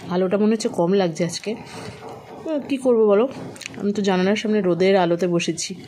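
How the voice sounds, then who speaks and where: A woman food vlogger chatting quietly to her viewers while she eats by a window, savoring each bite aloud. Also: mid-range voice, brisk, a little hiss or hum. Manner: soft-spoken, hushed. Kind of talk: casual vlog chat while eating. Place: indoors by a sunny window.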